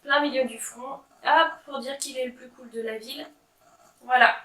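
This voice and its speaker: A woman in her thirties talks through her knitting projects in a loose, rambling way, full of hesitations and self-mocking asides. Her voice sits a little high. She sounds set back from the mic in an echoey room. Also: fairly even intonation, normal speed, pushed and bright, far from the mic. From France. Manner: chatty, many "euh" fillers, self-mocking. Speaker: knitting vlogger. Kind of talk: casual show-and-tell chat.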